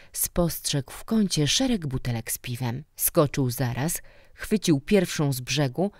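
A woman reads a book aloud with a low, deep voice. She takes her time, pacing every sentence slowly. The sound is dry and close, with no room around it. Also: a little mellow, no echo. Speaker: audiobook narrator. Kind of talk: scripted audiobook narration.

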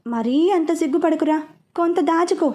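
In a spoken audio story, a woman storyteller voices a stern young man who watches over his cousin and gives firm, commanding orders. Her voice sits high with a mellow, soft tone, at normal speed.

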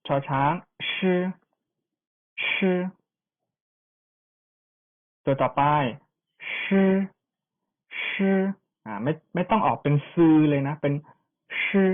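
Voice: medium pitch, slow pace, long pauses. A language teacher giving an online pronunciation lesson, repeating each syllable for students to copy, with chatty asides. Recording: tinny phone-like sound.

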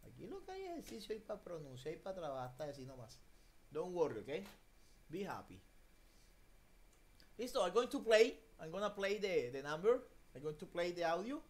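Un profesor de inglés con acento latinoamericano en una clase en línea por videollamada, que corrige la pronunciación con entusiasmo y mezcla español e inglés. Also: male voice, sits high, moderate pace, long pauses. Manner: lively, drills pronunciation, mixes Spanish and English. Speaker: English teacher. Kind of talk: online class. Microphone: video call.

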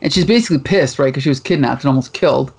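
A man's voice: medium pitch, rapid-fire, gravelly, husky. A man from Canada, co-hosting a casual podcast chat and retelling a comic with playful read-out lines. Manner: animated, reads comic lines in playful voices. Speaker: podcast co-host.

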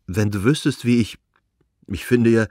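A male reader voicing Dolly, a worn, kind woman who speaks in a measured, somewhat reserved way, in an audiobook reading. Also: fairly low pitch, mellow, dry recording, studio quality, natural voice. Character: Dolly, worn, kind older friend, restrained.

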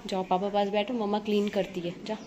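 A woman's voice: medium pitch, flat delivery, brisk, darkish tone. A woman vlogging at home, scolding and coaxing her pet dog in a mix of stern and baby talk. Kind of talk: casual home vlog, talking to pets.

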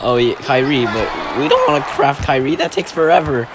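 A man's voice: medium pitch, expressive, moderate pace, a loud crowd, very noisy. A man giving casual, frustrated commentary while playing a mobile basketball game, often swearing and exclaiming.

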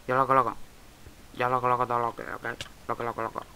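A man's voice: mid-range voice, level tone, quick pace, pushed and bright, slight background noise, rough recording. A young man from Spain with a Spain Spanish accent, casually commenting on his own Minecraft game, muttering and swearing at lag. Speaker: Minecraft let's player.

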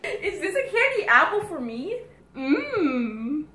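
A woman's voice: very high voice, sing-song, slow pace, sharp tone, pitched above the performer's own voice, full character voice. A woman acting out a gullible girl who finds a prank apple in a comedy skit, squealing with over-the-top disgust, recorded off-mic in an echoey, noisy room.

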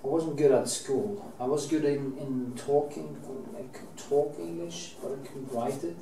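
A middle-aged painting teacher from Norway, Norwegian accent clear, talks while painting in a studio demonstration indoors. His medium-pitched voice is creaky and mellow at a measured pace; he rambles, restarts his sentences, and drops casual swearing now and then. The sound is roomy and distant from a camera mic, with faint hiss.

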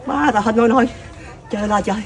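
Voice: mid-range voice, fast talker, slight background noise, lightly acted. Comedy skit: an adult as a hot-tempered older relative, Southern Vietnamese accent, exasperated and scolding. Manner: loud exasperated scolding, repeated sighing exclamations.

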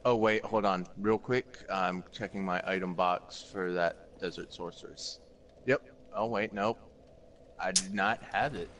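A man's voice: sits low, fairly even intonation, a little slow, fairly bright tone, a little hiss or hum. A young man chatting casually as a co-op game partner, with game sound behind him. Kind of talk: casual gameplay chat.

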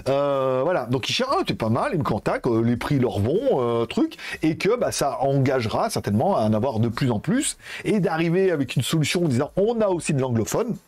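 Lively rambling French tech vlogger. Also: male voice, fairly high pitch. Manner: rambling, laughs often, crude slang. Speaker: tech youtuber. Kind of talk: casual chat. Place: Thailand.

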